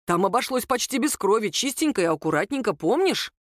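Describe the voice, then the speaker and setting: A woman's voice: on the high side, very animated, a little fast, no room sound. Lady doing a stocky thug guy, blunt and offhand, dry close mic.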